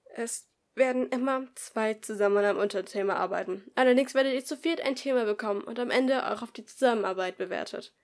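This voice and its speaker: A strict middle-aged schoolteacher calls out to her class in a raised, commanding voice, as a woman reading a storybook puts her on. She sounds firm and loud and leaves no room for argument. The voice sits somewhat higher than the reader's own narration. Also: fast talker, lightly acted. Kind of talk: amateur audiobook reading.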